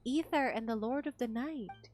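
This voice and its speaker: A woman reacting excitably to a game and reading along as she plays. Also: fairly high pitch, normal speed, a little hiss or hum. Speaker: streamer playing a game. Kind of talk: live gameplay reaction and reading aloud. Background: game music.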